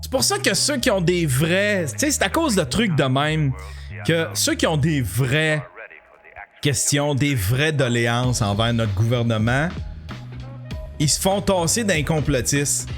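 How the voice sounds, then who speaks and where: A man's voice: on the high side, expressive, measured pace, faint music behind. A man with a Québécois accent, hosting a podcast with profane, sarcastic rants. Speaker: podcast host. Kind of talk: ranting commentary.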